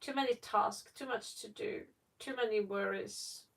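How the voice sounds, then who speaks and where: A Norwegian woman whose first language is Norwegian hosts a casual tarot livestream, reading cards and chatting slowly in a mid-range voice with lots of vocal fry. She rambles and thinks aloud as she goes. The microphone sounds distant from her.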